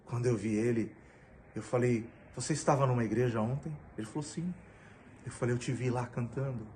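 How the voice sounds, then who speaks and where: A man's voice: fairly low pitch, a little mellow, a little hiss or hum. A middle-aged pastor from Brazil giving an emotional personal testimony, acting out the dialogue as he tells it.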